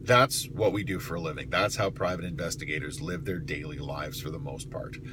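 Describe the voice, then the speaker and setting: A middle-aged man telling a story in a casual vlog monologue, matter-of-fact and emphatic, with halting pauses. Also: a bass voice. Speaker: private investigator telling of the job. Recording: clear steady car noise.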